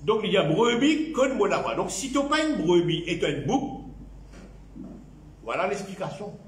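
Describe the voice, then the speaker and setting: A man's voice: high-pitched, very animated, normal speed, a little hiss or hum. A man with a Mauritian accent preaching a sermon as a pastor, repeating key phrases and dropping in English words. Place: church. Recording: echoey church hall.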